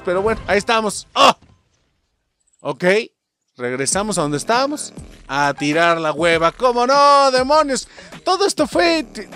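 A young Mexican man giving excited, swearing gameplay commentary and talking straight to his viewers. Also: sits high. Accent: Mexican Spanish. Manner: animated, swears often, keeps addressing viewers as "muchachos". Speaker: gameplay streamer.

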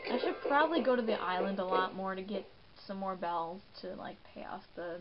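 A woman's voice: mid-range voice, lively intonation, brisk. Chatty woman over game music. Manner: chatty, rambling, self-mocking. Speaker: gaming video host. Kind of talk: casual gameplay commentary. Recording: muffled, with game music behind.

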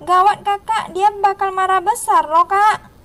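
A scared little girl in a kids' game video, as a woman puts her on, calling for her big sister in a whimpering, pleading voice. The voice sits very high and thin. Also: steady tone, a little slow, fairly bright tone. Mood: anxious. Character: frightened little girl Mio, young sister.

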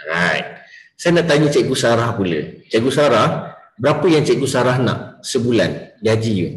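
A man's voice: mid-range voice, sing-song, moderate pace, roomy sound, rough recording. A Malaysian man running an interactive business coaching class, mixing English into Malay and quizzing his students by name.

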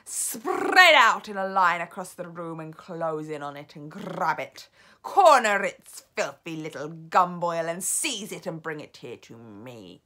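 A cruel old witch queen snaps out slow, loud, contemptuous orders, as a woman reads her in a storybook. The voice stays bright and sharp-edged while she drags out every command. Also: on the low side, very animated, heavily acted.

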